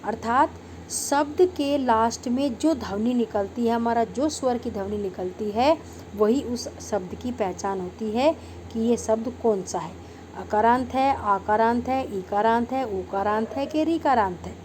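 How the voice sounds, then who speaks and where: A woman's voice: fairly high pitch, darkish tone, slight background noise. An Indian woman teaching a Sanskrit lesson to schoolchildren, calling them beta and patiently sounding out each syllable. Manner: patient, drawn-out syllable-by-syllable pronunciation; addresses pupils as "beta". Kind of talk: online class lecture.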